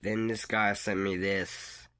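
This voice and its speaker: A young man reading things out in disbelief, in a casual reaction commentary with halting, rambling delivery. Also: fairly low pitch, level tone, pushed and bright. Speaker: video creator reacting to messages.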